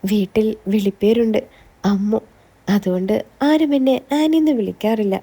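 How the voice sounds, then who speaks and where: A woman's voice: medium pitch, normal speed, dark tone, husky. Woman reading as a coy teasing young woman. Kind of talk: scripted story reading.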